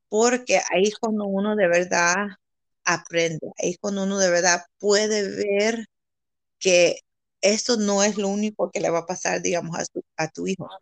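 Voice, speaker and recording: A woman's voice: medium pitch, vocal fry, no echo. A woman from California talking as a guest, earnest and upbeat, mixing English and Spanish and laughing often. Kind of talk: casual bilingual interview chat.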